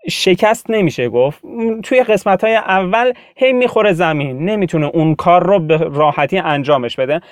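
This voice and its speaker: A man's voice: a little high, smooth, no echo, studio quality. A man teaching an audio lesson, explaining patiently with everyday comparisons and repeating his points. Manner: explains with homely comparisons and repetition. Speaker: instructor.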